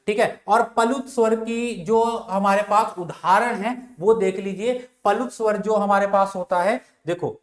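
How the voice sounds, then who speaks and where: In a roomy-sounding space, a man with a high-sitting voice gives a classroom lecture. He poses questions and answers them himself, repeats every point, and stretches out vowel sounds to demonstrate them.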